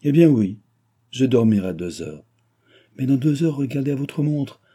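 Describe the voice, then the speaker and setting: A man voicing a frail, feverish old alchemist who pleads and cries out in high, agitated bursts. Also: animated, moderate pace, warm tone, natural voice. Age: older.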